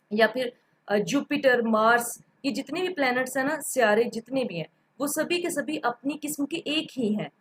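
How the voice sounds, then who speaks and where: Woman teacher w going slow through grammar rules, fairly high voice, repeats every example. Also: husky, rough recording. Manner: patient, repeats examples, mixes in English terms. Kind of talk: grammar lecture.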